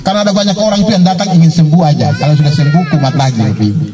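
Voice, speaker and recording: A man's voice: a little high, rapid-fire, far from the mic, crowd noise. A man preaching a casual storytelling sermon, chatty, laughing at his own jokes and acting out the characters.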